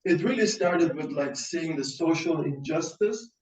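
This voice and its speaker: A man's voice: fairly high pitch, lively intonation, unhurried, darkish tone. A man from Iran who grew up in Sweden, giving a webinar talk on a video call and often restarting his words. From Iran, raised in Sweden. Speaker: founder presenting a webinar. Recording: distant roomy lo-fi sound.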